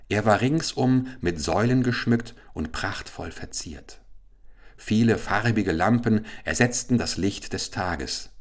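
A man reading a fairy tale aloud for children in a measured, expressive way. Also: sits low. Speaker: storyteller.

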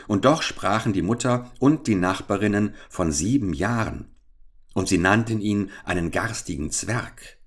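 A man reading a fairy tale aloud in a measured, expressive manner. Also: low-pitched. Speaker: narrator. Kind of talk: storybook reading.

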